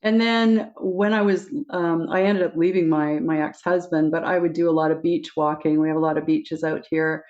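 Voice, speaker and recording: A woman guest casually telling spiritual stories, laughing often and acting out her own quoted lines in a high squeaky voice. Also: normal speed, hardly any pauses. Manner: giggly, animated, acts out quotes with high squeaky voice. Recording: dull lo-fi audio.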